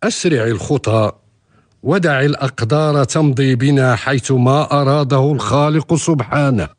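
An actor playing an older, pious merchant father in a historical radio drama, speaking formally and persuasively with a husky voice. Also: medium pitch, moderate pace, close to an everyday voice. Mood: admonishing. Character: older merchant father, ambitious, pious, coaxing his son.

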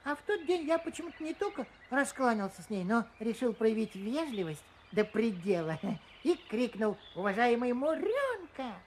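An actor playing a chatty, eager little male grasshopper in a children's audio story, hesitant and rambling in an excitable way. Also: normal speed, hardly any pauses, a little hiss or hum, natural voice. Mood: chatty, recounting. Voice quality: high-pitched, small voice.

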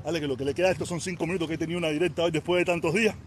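A man from Havana with a Cuban accent, his voice pitched high for a man, rants fiercely into a phone on a live stream, often breaking into shouts. He talks outdoors, with faint traffic and car noise humming behind him. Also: steady tone, very fast. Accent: Cuban Spanish (Havana). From Havana, Cuba. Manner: fiery, confrontational, often shouting. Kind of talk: heated live-stream rant. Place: outdoors in a casino parking lot.

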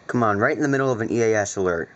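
Rapid-fire and fairly bright, this lowish male voice belongs to a hobbyist video maker who records weather radio alerts. Irritated, he swears freely while riffing off the cuff to viewers from a dark room at his computer. He stands behind a handheld camera whose audio comes out muffled, lo-fi and full of noise.

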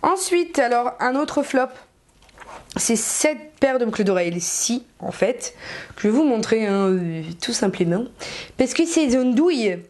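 A young woman chats through a beauty haul at home, frank and slangy, with lots of fillers. Her voice sits a little high for a woman. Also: lively intonation, measured pace, a little mellow. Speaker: beauty vlogger. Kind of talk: casual haul review.

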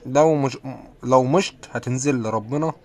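Though unwell and coughing from time to time, this young Egyptian-accented streamer keeps things light, reading out comments and laughing at himself often. He talks at a moderate pace in a mid-range voice.

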